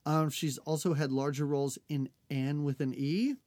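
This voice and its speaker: A woman's voice: low-pitched, normal speed, dry recording. Chatty woman podcast cohost, casual recap, laughs a lot, dry close mic. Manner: chatty, animated, laughs often, quotes characters. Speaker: podcast co-host. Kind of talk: casual episode recap chat.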